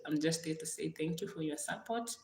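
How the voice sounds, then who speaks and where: A Kenyan woman with a Kenyan accent hosts a casual livestream, warm and gracious with her viewers and thanking them over and over. Her voice sits low and moves briskly, with a roomy sound.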